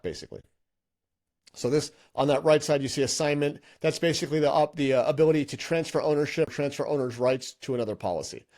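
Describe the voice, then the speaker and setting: A man's voice: mid-range voice, a little mellow. Middle-aged male instructor, mid-range voice, talks through slides casually, stops and restarts often. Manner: conversational, thinks aloud with frequent restarts and fillers. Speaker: licensing instructor. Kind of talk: presenting an exam-prep lesson with slides.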